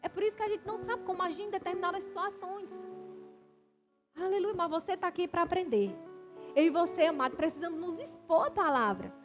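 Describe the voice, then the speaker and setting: A woman preacher, delivering a sermon in a church with lively, conversational retellings. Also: very high-pitched, a little fast. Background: music.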